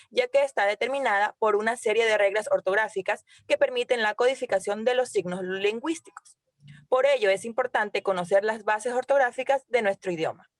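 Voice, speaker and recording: A young woman, a student, reading a class presentation in a steady, formal way. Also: on the high side, no echo, studio quality.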